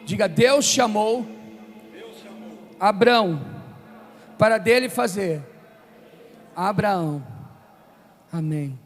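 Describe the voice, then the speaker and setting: In a hall, an animated Brazilian preacher in his fifties speaks in a high voice, delivering his sermon emphatically and declamatorily with deliberate pauses. He reads scripture with emphasis and draws his audience into call-and-response at this live event in a large, echoing room, where long hall reverb and underlying music color the recording.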